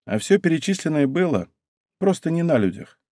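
A man's voice: a little high, sing-song, brisk, dark tone, dry recording, studio quality, pitched above the performer's own voice. A man voicing an ironic young woman who talks in a wry, teasing way.

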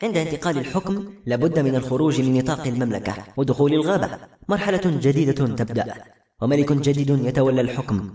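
A wise blind queen speaks calmly and with quiet dignity, voiced by a male storyteller. The delivery is quick and the room adds a noticeable echo. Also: medium pitch, distant mic, close to an everyday voice. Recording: echoey room.

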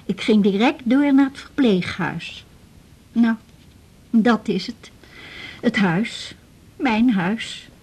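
In a radio drama, an actress plays a frail, talkative old Dutch widow, a patient clinging to her house. Her slightly high, husky voice has a darkish tone, and she sounds wistful and anxious, chatty and plaintive, with halting repetitions.

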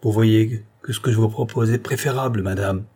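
A man reading aloud, voicing a grave royal counsellor who speaks in a measured, formal way. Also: fairly low pitch, dark tone, slightly rough. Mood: urging. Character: grave older male royal counsellor, frank.

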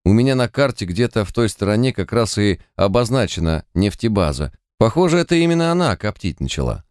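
A man's voice: on the low side, big pitch swings, brisk, darkish tone, clean tone, no echo, clean studio sound, pitched above the performer's own voice. A man voicing a matter-of-fact male squadmate in an audiobook. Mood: musing.

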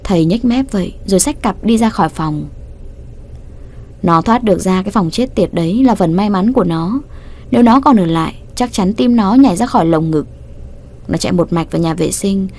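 A woman reading a romance novel aloud as an audiobook narrator, in a calm, even storytelling voice. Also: mid-range voice. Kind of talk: scripted narration.

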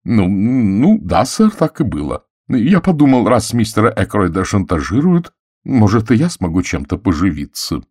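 A man's voice: on the low side, huge pitch swings, darkish tone, breathy edge, dry recording, studio quality, voice pushed up, exaggerated voice. A man voicing a nervous, servile middle-aged butler who pleads and stammers, in an audiobook. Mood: pleading. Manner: pleading, stammering, slow and anxious. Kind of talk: audiobook character voice.

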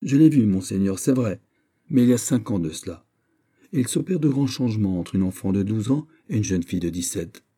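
A male reader voicing an earnest young courtier, measured and respectful, in an audiobook. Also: on the low side, animated, warm tone, slightly rough. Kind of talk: audiobook character reading.

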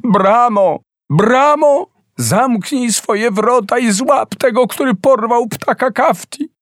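A man voicing a proud, desperate enchantress woman in a storybook reading, calling out in a raised, high, strained voice. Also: expressive, takes it slowly, dry recording, studio quality, full character voice. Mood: desperate, commanding. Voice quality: raised high shouting calls.

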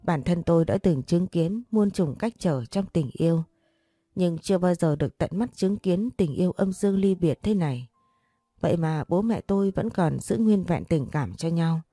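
A woman narrating a sad family story in the first person, reading softly with emotion. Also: on the low side, expressive, moderate pace, husky, no room sound.

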